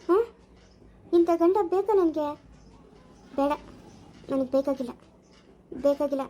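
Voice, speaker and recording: A woman playing a heartbroken young wife, high and tearful. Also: a little slow, warm tone, slight background noise. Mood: bitter. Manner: tearful and bitter, repeats herself in hard refusals. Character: wronged young wife and mother, bitter and heartbroken. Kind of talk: village family drama acting.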